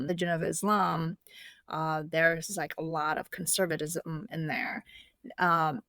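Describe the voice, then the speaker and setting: A woman's voice: lowish voice, fairly bright tone, no echo. Hesitant woman from Indonesia, dry sound. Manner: hesitant, many fillers and restarts. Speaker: guest. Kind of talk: casual interview.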